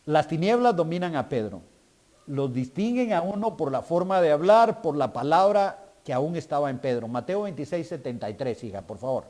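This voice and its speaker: A man's voice: a little high, expressive, normal speed, darkish tone. A male guest preacher delivering a sermon, calling for responses from the congregation and building to emphatic preaching.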